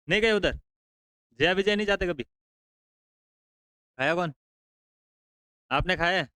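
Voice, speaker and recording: A male teacher, bantering with his class and teasing students into speaking up loudly. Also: on the high side, clear, resonant tone, dry recording, low-quality recording.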